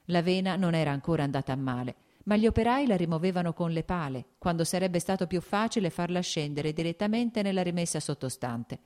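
Low-voiced woman reading a novel aloud. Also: brisk, few pauses, darkish tone. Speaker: audiobook narrator. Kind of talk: scripted literary narration.

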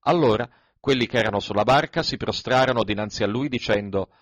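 A man reading scripture aloud in a measured, even recitation. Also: mid-range voice, no echo. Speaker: scripture reader.

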